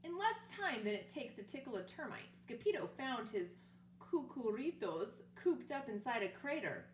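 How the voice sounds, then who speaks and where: A woman reading a children's storybook aloud as a teacher, playful, expressive and sing-song. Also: on the high side, normal speed. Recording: echoey room with faint hum.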